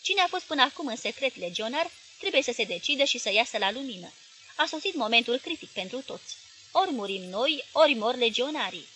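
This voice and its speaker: A woman's voice: fairly high pitch, sing-song, bright, forceful tone, breathy edge, full character voice, poor audio. A woman reading the lines of a tense, decisive male newspaper owner in an audiobook, urgent and commanding. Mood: grave.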